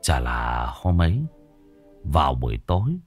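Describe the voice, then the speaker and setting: A man narrating a village ghost story in a slow, dramatic, folksy way. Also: rumbling low, sing-song, dry recording, dull audio, faint music behind. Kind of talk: spoken horror story narration.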